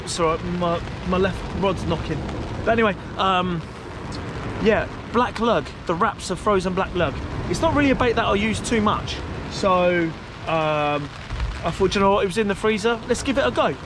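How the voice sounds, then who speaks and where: A high-pitched male fishing vlogger chats casually to a camera held at arm's length, speaking at normal speed. He's outdoors under an umbrella on a stormy beach, and the noisy recording clearly picks up rain and weather.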